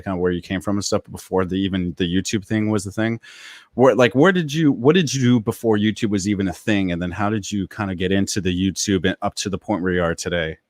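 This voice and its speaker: A man's voice: low voice, no echo, clean studio sound. A man hosting a livestream interview, chatty and upbeat, with lots of fillers.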